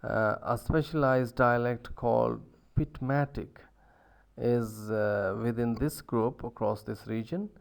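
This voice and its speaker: A man's voice: mid-range voice, slow, gravelly, clear, resonant tone. A man giving a university lecture, hesitant, with many fillers and restarts.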